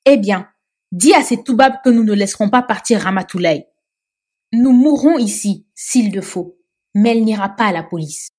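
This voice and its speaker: Fierce loud older woman yelling at the cops, woman doing the voice, husky. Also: mid-range voice, lively intonation, moderate pace, lightly acted. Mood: furious. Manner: shouting, defiant. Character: fierce shrill older woman leading protest.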